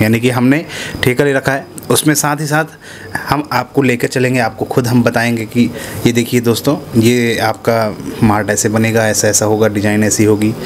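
A man in his thirties giving a casual pitch to camera about setting up supermarkets, chatty and full of tag questions, in a small office. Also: background noise. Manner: conversational, repeats "है ना" and "ठीक है" tags. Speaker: business consultant pitching supermarket setup. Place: small indoor office room. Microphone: handheld clip mic held near chin.

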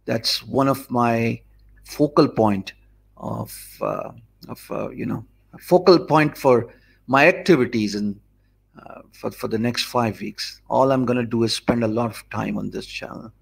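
Teaching viewers live from an indoor office, a man in his forties speaks Pakistani English, his first language being Urdu. His medium-pitched voice is gravelly and husky, and as an online course instructor he talks slowly and conversationally, thinking aloud into a desk mic set before him.

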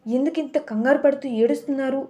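A woman voicing a calm, gentle older holy man who speaks slowly and soothingly in a storybook retelling. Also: high voice, close to an everyday voice.

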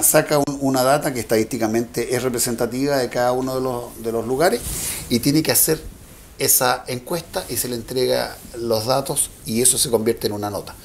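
Official explaining regulations, measured. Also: male voice, medium pitch, creaky, slight background noise. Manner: measured, technical, with fillers and self-corrections. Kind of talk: explanatory interview answers.

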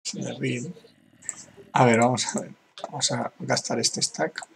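A man's voice: mid-range voice, fairly even intonation, unhurried, vocal fry, fairly bright tone, a little hiss or hum. A man from giving casual gameplay commentary, laughing often and reading other players' messages aloud. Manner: laughs often, reads out chat with "dice". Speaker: gaming youtuber.

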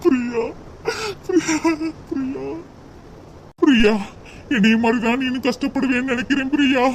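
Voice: sits high, fairly even intonation, a little hiss or hum. A performer voicing a lovesick, stubborn young man in a cartoon, sobbing and pleading. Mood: heartbroken. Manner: sobbing, drawn-out lament. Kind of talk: cartoon voice acting.

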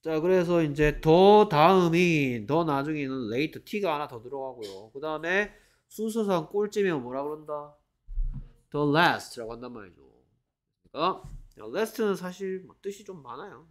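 Male English teacher, fairly high voice, slow deliberate delivery, acts out examples. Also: animated. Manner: scolds students, then acts out example sentences. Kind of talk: online grammar lesson.

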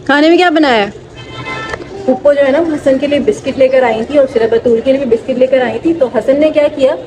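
A woman's voice: high voice, noisy background. A young woman, chatting casually to her phone camera as she walks through her home. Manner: chatty, talks straight to camera. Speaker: vlogger. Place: home rooms and kitchen, indoors. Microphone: phone camera at arm's length.

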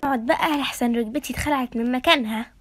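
A bossy old Egyptian auntie with aching knees orders everyone about, played by a woman in a storybook role-play. Her voice is high and bright, and she talks fast and sharply. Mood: tired. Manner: scolding, commanding.

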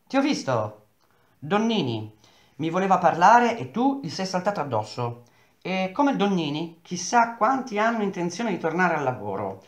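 A man's voice: high voice, very animated, moderate pace, reverberant, voice pushed up. A man reading aloud and voicing a furious, brusque engineer boss who threatens his workers in a peremptory tone. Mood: angry.

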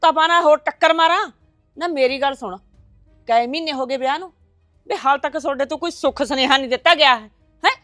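An actress playing a stubborn mother-in-law who wants a grandson, with a loud scolding Punjabi way of talking. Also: high-pitched, fairly quick, dry recording, studio quality, faint music behind. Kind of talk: village family drama acting.

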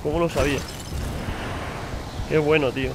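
A man's voice: a little high, fairly even intonation, normal speed, noisy background. A young man with a Spain Spanish accent commenting on his gameplay, swearing in frustrated outbursts and muttering to himself. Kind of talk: let's play commentary.

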